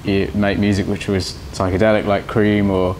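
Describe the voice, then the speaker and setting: Young guitarist, halting, low-voiced. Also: male voice, flat delivery, darkish tone. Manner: halting, many restarts and fillers. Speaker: band guitarist. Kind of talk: casual interview answers. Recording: faint background noise.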